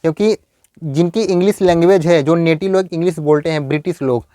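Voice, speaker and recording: A man teaching English in a video lecture, explaining step by step and saying example sentences slowly. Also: fairly high pitch, dark tone, dry recording, studio quality.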